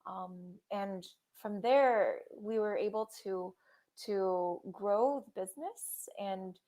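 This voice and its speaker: A young woman speaks as a podcast guest in an easy, conversational way. She is friendly and relaxed, with frequent ums and a light laugh now and then. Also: medium pitch, takes it slowly. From Indonesia. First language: Indonesian. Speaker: guest, startup founder. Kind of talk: casual interview conversation.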